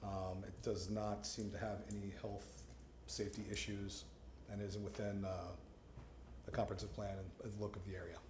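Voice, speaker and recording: A man's voice: fairly low pitch, little pitch movement, normal speed. A man who is a board member, stating a formal motion at a public meeting. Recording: echoey room, faint noise.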